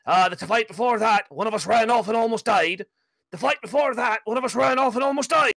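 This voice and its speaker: A man's voice: high voice, big pitch swings, moderate pace, bright, forceful tone, no echo, studio quality, heavily acted. A man voicing an earnest, stubborn dwarf fighter in a tabletop game, speaking emphatically and repeating himself like an orator. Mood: indignant.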